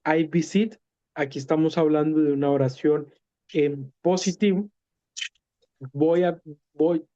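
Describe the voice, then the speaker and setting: A man's voice: fairly high pitch, mellow. A man teaching an English lesson in Spanish. He explains patiently, repeats and translates words step by step, and often hesitates and corrects himself. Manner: many hesitations and self-corrections. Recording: dull lo-fi recording.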